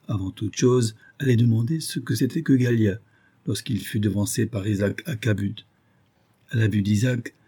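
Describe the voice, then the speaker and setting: A man narrating a classic novel as an audiobook in a measured storytelling manner. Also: on the low side, mellow, slightly rough.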